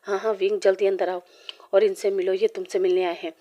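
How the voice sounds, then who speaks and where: A woman's voice: mid-range voice, flat delivery, fairly quick, mellow, lightly acted. A woman reading a fussy, placating college principal. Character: anxious, eager-to-please male college principal.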